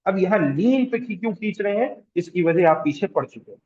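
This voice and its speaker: A man teaching Quranic recitation rules in a slow classroom lecture with a Hyderabadi Urdu accent, repeating terms, asking the class questions and drawing out vowels to show their length. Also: high-pitched, lively intonation, darkish tone, muffled recording. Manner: draws out vowels to demonstrate elongation. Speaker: tajweed teacher.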